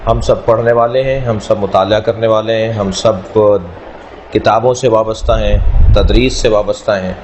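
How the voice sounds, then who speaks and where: A man teaching a class, speaking in a measured way, repeating key words and explaining through everyday analogies. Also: fairly low pitch, fairly even intonation, darkish tone, a little hiss or hum. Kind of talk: classroom lecture.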